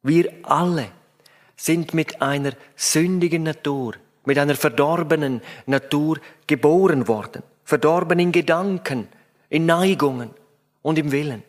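A man's voice: on the high side, measured pace. A man preaching a sermon in an emphatic way, addressing his listeners directly.

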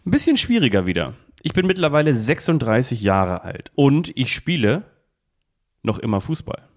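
A man hosting a relaxed football podcast, quizzing his co-host. He phrases each clue in the first person as the mystery player and lists clubs and career stats. He talks into a phone held close to a device. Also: mid-range voice, moderate pace. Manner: poses riddles speaking in first person as footballers. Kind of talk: casual football quiz chat.

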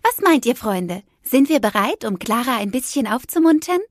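A woman's voice: a little high, sing-song, normal speed, no echo, clean studio sound, voice pushed up. A woman voicing a cheerful, boastful crafted toy creature in a children's audio story, bubbly and confident.

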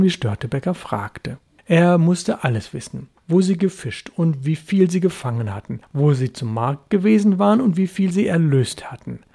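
Mellow-voiced man reading a story aloud. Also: fairly high pitch. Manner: measured storytelling. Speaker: reader. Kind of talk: literary reading.

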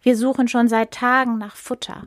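Brief: woman voicing a proud young gazelle, lifted pitch, urgent and pleading. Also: flat delivery, moderate pace, no echo, studio quality, lightly acted.

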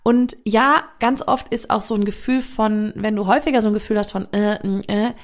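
A woman's voice: medium pitch, fairly even intonation, moderate pace. A woman hosting her own podcast, talking in a frank, reflective self-help monologue with the odd casual swear. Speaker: podcast host.

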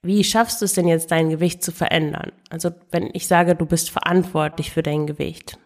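A woman speaks alone on a podcast in a somewhat low voice. She explains things calmly and addresses the listener directly. She often breaks off and restarts her phrases. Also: normal speed. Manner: frequent self-corrections and restarts. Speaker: podcast host and weight coach. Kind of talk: solo podcast monologue.

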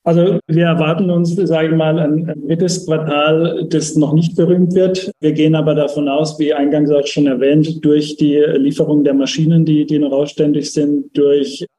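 A man's voice: fairly high pitch, little pitch movement, moderate pace, few pauses, warm tone, poor audio. A man, a company finance chief giving a cautious, hesitant outlook in an interview. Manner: hesitant, repeating words.

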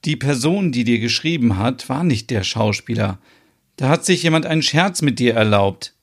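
A man's voice: mid-range voice, expressive, moderate pace. Man playing a sensible, knowing married woman. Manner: knowing, explanatory. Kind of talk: podcast soap opera acting.

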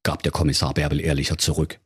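A man's voice: extremely low pitch, flat delivery, fast talker, fairly bright tone, breathy edge. A man narrating a comic fairy tale for children in a playful, mock-solemn storyteller's manner.

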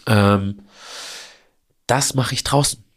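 A man's voice: medium pitch, slow. A man in his early forties with a cold, speaking in a nasal, honking, congested voice as he hosts a casual, chatty, self-deprecating solo podcast. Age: early 40s. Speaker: podcast host.

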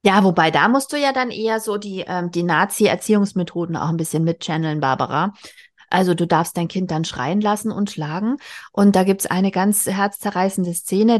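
A woman hosting a book podcast, chatting casually and retelling scenes with feeling. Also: medium pitch. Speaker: podcast host. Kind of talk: casual book chat and reading aloud.

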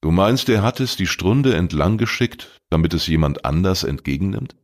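A man reading a crime story voices a grown detective who questions calmly and firmly. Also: low-pitched, moderate pace. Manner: calm, firm questioning. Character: adult male private detective, calm and firm.

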